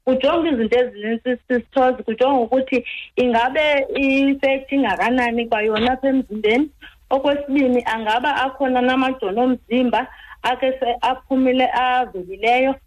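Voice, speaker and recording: Higher-voiced South African woman doctor explaining. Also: fairly even intonation, low-quality recording. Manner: halting, repeats word beginnings. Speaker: doctor, guest expert. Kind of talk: explaining medical advice on radio.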